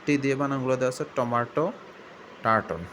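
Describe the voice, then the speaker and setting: A man's voice: mid-range voice, fairly even intonation, fairly bright tone, a little hiss or hum. A man teaching a primary school English lesson, spelling words out letter by letter and sounding out their phonics. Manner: slow, spells letters out one by one.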